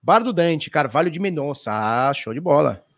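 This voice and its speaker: A man's voice: on the high side, expressive, moderate pace, fairly bright tone. A Brazilian man hosting a casual live stream, answering viewer questions in a loose, slangy way with swearing and restarts. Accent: Brazilian Portuguese. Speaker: crypto livestream host. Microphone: standing at a live stream mic.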